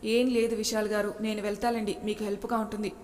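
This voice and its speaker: A woman's voice: mid-range voice, little pitch movement, quick pace, darkish tone, natural voice. A woman voicing an anxious young office worker who muses earnestly to himself. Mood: eager. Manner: worried, earnest inner musing. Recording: long reverb echo.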